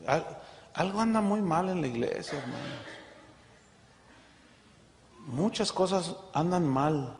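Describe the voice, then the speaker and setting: A man's voice: a little high, lively intonation, takes it slowly, pauses often, slight background noise. A man preaching a sermon as pastor, emphatic and rising when he quotes scripture. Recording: long hall reverb.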